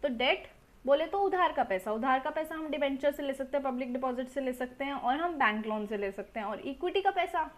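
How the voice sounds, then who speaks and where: A young woman teaching a quick revision lecture, talking fast and asking her students lots of rhetorical questions, recorded on a mobile phone. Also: high voice. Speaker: accounts teacher. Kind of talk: quick revision lecture mixing Hindi and English.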